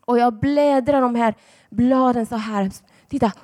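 A woman's voice: a little high, darkish tone. A woman preaching a sermon to a congregation, telling personal stories in a chatty way with dramatic emphasis. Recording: long hall reverb.

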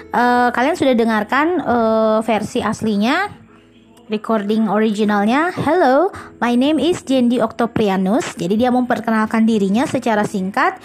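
A woman English teacher hosting a podcast, explaining student recordings in a measured way with frequent hesitant fillers. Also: a little high.

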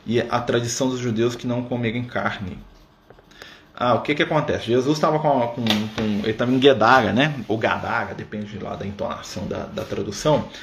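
This is a spiritist study leader hosting a relaxed religious study online, chatting and frequently asking after his listeners. He talks fairly quickly in a mid-range voice, and the room sounds echoey with faint noise in the background.

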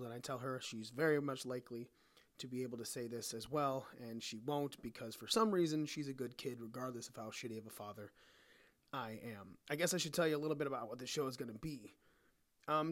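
A young adult man hosting his own podcast, ranting bluntly and profanely, a little sick. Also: mid-range voice. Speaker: podcast host. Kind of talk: casual monologue rant.

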